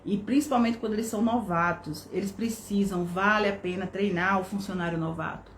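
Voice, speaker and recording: A Brazilian woman instructor talks through a lesson at a middle pitch, with explanatory pacing and frequent check-ins with her audience. Her voice carries a roomy echo with a faint noise bed underneath. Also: steady tone, a little fast. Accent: Brazilian Portuguese. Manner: explanatory, uses tag questions like "né?" and "tá?". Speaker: course instructor. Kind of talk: online lesson. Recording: echoey room with faint background noise.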